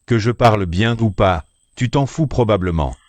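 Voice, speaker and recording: A man dubbing a brooding, possessive tough schoolboy, talking low, slow and blunt. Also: darkish tone, no echo, natural voice. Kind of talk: French dub of a series.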